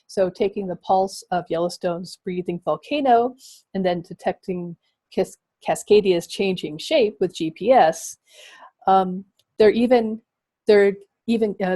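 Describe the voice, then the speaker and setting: Woman presenting a webinar, mellow and dry. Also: lowish voice, no echo. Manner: explanatory, with frequent ums and uhs.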